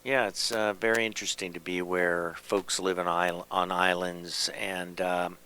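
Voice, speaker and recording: A man hosting a local talk show, speaking in a halting, casual way. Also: low voice, level tone, bright, forceful tone, a little hiss or hum. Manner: halting, many fillers and restarts. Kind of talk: casual interview chat.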